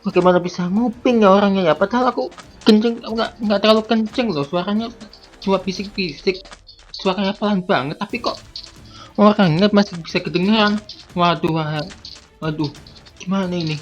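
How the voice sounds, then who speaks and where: A man with a somewhat high voice performs every part in a Minecraft role-play skit himself. He trades lines fast and flares into excited shouting. The audio is muffled and low in fidelity, with soft music running behind him. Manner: quick back-and-forth, jumps between characters, bursts of excited shouting. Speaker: content creator voicing all characters. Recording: dull lo-fi audio with faint background music.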